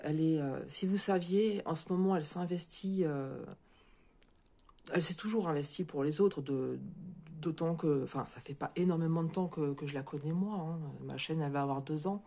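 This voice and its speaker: Woman, slightly hoarse, husky, low-pitched, casual crafting vlog chat, hesitant. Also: warm tone. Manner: hesitant, many fillers and restarts. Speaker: crafting video creator. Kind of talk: casual unboxing chat to viewers.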